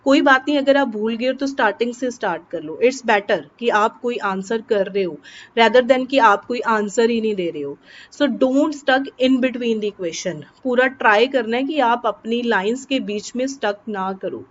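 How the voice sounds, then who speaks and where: A woman with a Punjabi accent teaching exam tips to students, switching between Hindi and English and slowing down to stress the English tips. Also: a little high. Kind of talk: lesson to students. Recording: dull, slightly noisy recording.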